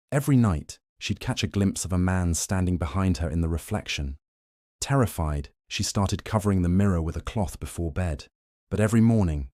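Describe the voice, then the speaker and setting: A deep, mellow male voice narrates eerie true-story facts in a slow, ominous, measured way. The recording is dry and close, with no room sound around him. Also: no room sound. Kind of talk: scripted horror narration.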